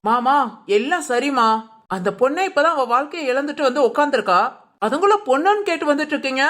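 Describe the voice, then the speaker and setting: A woman voicing a gossiping village neighbor who scolds and judges, in a low, slow voice, a step back from the mic. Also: expressive, a bit bright. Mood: disapproving.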